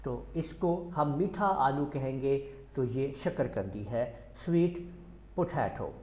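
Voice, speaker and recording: A man with a Pakistani accent teaching a slow classroom lecture, repeating each word several times and spelling it out letter by letter. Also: medium pitch, animated, darkish tone. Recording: echoey room, dull lo-fi sound.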